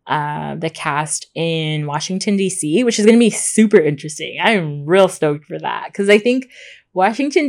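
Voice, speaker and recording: A woman podcast host giving a casual, rambling, chatty recap in informal speech, with soft R's that come out close to W. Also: on the low side. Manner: rambling, gushing informal talk with frequent "like" and "super".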